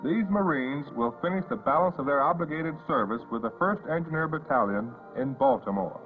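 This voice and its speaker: A man's voice: a little high, expressive, fairly quick. An American man reading scripted 1950s newsreel narration in an announcer's delivery. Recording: muffled vintage newsreel audio, phone-like band. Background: loud background music.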